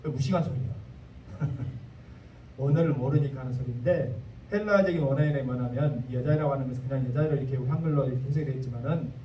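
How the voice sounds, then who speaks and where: A man's voice: medium pitch, fast, muffled recording, slight background noise. A male pastor with a Jeolla accent preaching a sermon in a folksy, joking manner with dialect asides. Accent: Jeolla Korean. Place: church sanctuary. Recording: echoey church hall, mic at a distance.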